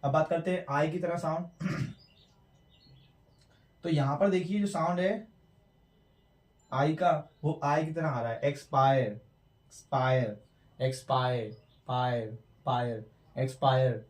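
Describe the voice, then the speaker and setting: A man teaching English letter sounds, slowly repeating words as drills. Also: a little high, recorded from a distance. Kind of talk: classroom lesson explaining at a board. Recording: roomy echo, mic away from speaker.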